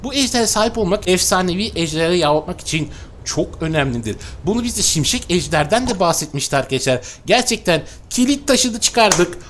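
A young man hosting his own gaming channel, giving exuberant, excited commentary on a mobile game and repeating his phrases with delight. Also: high-pitched, fairly quick, slight background noise.

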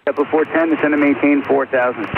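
Fast-talking controller over crackly radio. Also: male voice, on the high side, fairly even intonation. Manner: brisk, rattles off clearances. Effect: heard over a crackly two-way aviation radio. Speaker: air traffic controller. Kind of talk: clipped radio phraseology. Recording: tinny radio channel with loud static.

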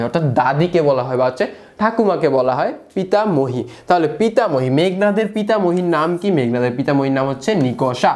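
A young male tutor talks through exam questions in a fairly high voice. He keeps asking "what?" and then repeats each answer slowly, checking that everyone follows. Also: a little mellow. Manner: repeats answers, asks rhetorical questions, calls students brother. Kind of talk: online class lesson.

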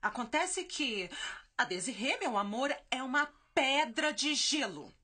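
An actress playing an older mother in a dubbed telenovela, confiding gossip to her son in an animated way. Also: high voice, measured pace, husky, heavily acted.

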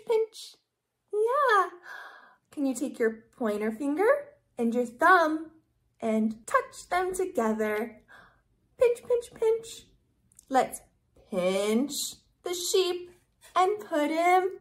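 A woman's voice: sits high, a bit bright. A woman in her thirties hosting a children's lesson, talking simply to a toddler in a sing-song, exaggerated way with repeated phrases. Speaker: children's educational video host.

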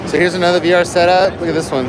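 A man hosting a live walkthrough vlog, chatty and easily excited, commenting as he walks a big busy expo floor. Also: high-pitched, rapid-fire, over a noisy crowd. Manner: excitable, chatty, lots of "so" and "cool". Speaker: vlog host.

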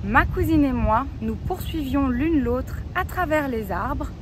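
High-voiced young woman dictating very slowly. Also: expressive. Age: young adult. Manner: dictating slowly with repeats and spoken punctuation. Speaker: French teacher. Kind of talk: dictating a text, phrase by phrase. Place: outdoors in a city park. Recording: clear outdoor street and traffic noise.

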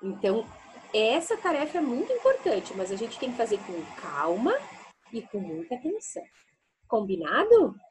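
A woman teacher giving a lesson to young children, sounding out syllables slowly and coaxingly. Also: fairly high pitch, huge pitch swings, a little mellow, husky. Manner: slow, sing-song sounding out of syllables; affectionate, coaxing.

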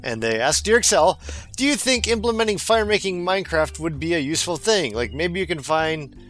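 Lively, upbeat young man hosting. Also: fairly high pitch, fairly quick, faint music behind. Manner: playful, laughs often. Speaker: host reading viewer mail. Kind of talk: casual group chat.

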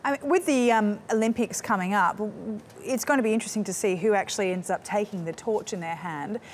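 A woman's voice: medium pitch, brisk, a little hiss or hum. A woman in her thirties interviewing a guest live as a television news anchor. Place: TV news studio.

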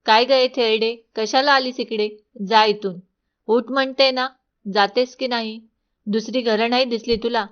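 A scornful shouting queen, as a woman reads her. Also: fairly high pitch, fairly even intonation, unhurried, highs cut off, natural voice. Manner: shouting, contemptuous. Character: haughty rich queen, rude and scornful to a beggar.

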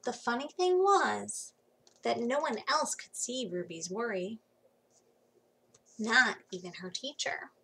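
A woman in her thirties reading a children's storybook aloud expressively, with dramatic pauses and hushed emphasis, recorded on a computer mic in a small room at home. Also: a little high, lively intonation, gravelly, slightly rough. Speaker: children's book reader. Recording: faint background noise.

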